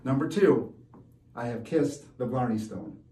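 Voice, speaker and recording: A man's voice: medium pitch, animated, a little slow, warm tone. A man chatting casually as a guest, hesitant with many fillers and restarts. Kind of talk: casual chat. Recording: echoey room from far off.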